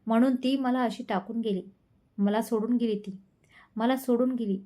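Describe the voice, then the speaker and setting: A woman's voice: a little high, fairly even intonation, normal speed, warm tone, lightly acted. A woman voicing a despairing, heartbroken young man who repeats his outbursts in a narrated storybook drama. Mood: anguished. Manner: anguished outbursts, repeats himself.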